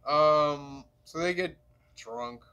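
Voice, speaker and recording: Bright-toned man recapping a plot. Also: on the high side, drawn-out words, smooth. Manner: relaxed storytelling with fillers and quoted lines. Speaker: podcast co-host. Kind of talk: casual review chat, recapping plot.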